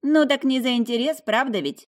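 A woman voicing a fussy, distracted male ghost gatekeeper in an audiobook, raising her voice high for him. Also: moderate pace, natural voice. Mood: mock-polite. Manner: distracted, raised, mock-polite.

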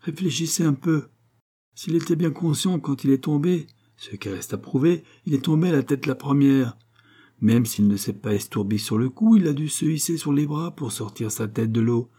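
A man reading the lines of a blunt middle-aged male police inspector, brisk and reasoning aloud, in an audiobook. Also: mid-range voice, animated, dark tone, husky, pitched above the performer's own voice. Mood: urgent.

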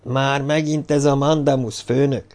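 A loyal, aging male assistant, voiced by a male audiobook reader. He answers deferentially, explaining at length. His voice sits clearly higher than the narrator's own. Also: little pitch movement, darkish tone, close to an everyday voice.

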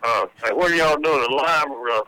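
A man's voice: on the high side, normal speed, bright, forceful tone, dry recording, poor audio. An older man, heard through a phone speaker as a caller, joking folksily and reciting bawdy rhymes. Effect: heard over a phone speaker. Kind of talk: casual phone chat, singing bawdy rhymes.

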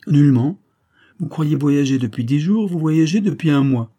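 A man reading aloud plays a gruff German baron with a rough, hearty voice. He speaks higher and louder than the reader's normal narration. A husky, dark texture stays underneath. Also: expressive, normal speed. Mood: hearty firm.

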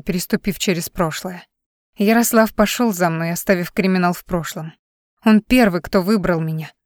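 A woman's voice: medium pitch, no room sound, clean studio sound, close to an everyday voice. A woman reading the part of a tearful young woman worn out by lies in an audiobook. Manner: emotional, pleading.

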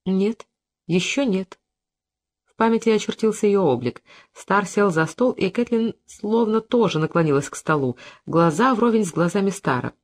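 An audiobook narrator reads literary prose in a measured, expressive voice. The pitch moves in a lively way, with frequent rises and dips through each sentence.

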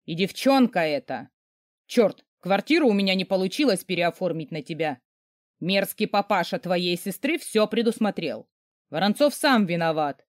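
A woman's voice: lowish voice, expressive, normal speed, no room sound, lightly acted. A bitter, scheming middle-aged mother in a storybook, cold and contemptuous, her voice rising and falling with spite, as a woman reader puts her on. The sound is dry and close.

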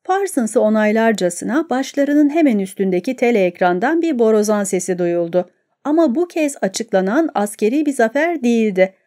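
Mellow-voiced woman narrating an audiobook. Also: on the high side. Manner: measured, even storytelling. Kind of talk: scripted narration.

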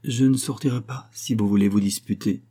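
A man reading the part of a timid, unhappy wife, pleading softly. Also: fairly low pitch, steady tone, brisk, slightly rough.

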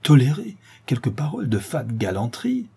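A man's voice: mid-range voice, huge pitch swings, moderate pace, mellow, husky, pitched above the performer's own voice, exaggerated voice. A man voicing a stern, solemn young nobleman. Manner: cold, restrained, solemn. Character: grave, stern young nobleman, a shamed son. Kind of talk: audiobook reading.

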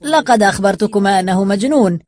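A reader voicing a sly, greedy man who taunts and talks down to others, in a raised, louder voice. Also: medium pitch, quick pace, close to an everyday voice. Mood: smug. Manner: taunting, smug and condescending.

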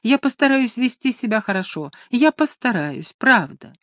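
An impulsive, hot-tempered young lady of high birth, as an audiobook narrator puts her on, her pleading apologies soft and breathy. The reading is dry and close, with no room around it. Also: very animated, moderate pace, no room sound. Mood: contrite. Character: impulsive young noblewoman, fiery yet contrite.

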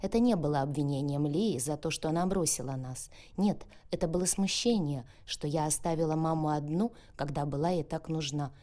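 A woman narrating an audiobook in the first person, measured and even. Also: sits low.

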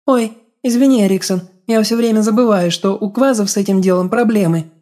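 Brief: man voicing a blunt woman fighter, high and dark-toned, storybook read. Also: brisk, natural voice. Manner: blurts in bluntly. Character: brash outspoken adult woman fighter. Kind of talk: audiobook character voice.

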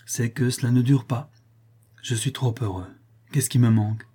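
A man's voice: medium pitch, steady tone, normal speed, mellow, husky, lightly acted. A man voicing an emotional aristocratic marquis, effusive and familiar with his old servant. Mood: uneasy joy.

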